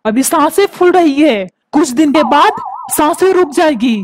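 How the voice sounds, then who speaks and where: A woman doing a squeaky bossy cartoon husband. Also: animated, moderate pace, a little hiss or hum. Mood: scolding. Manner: scolding, barking orders. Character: bossy grumpy husband, middle-aged man, short-tempered. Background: background music.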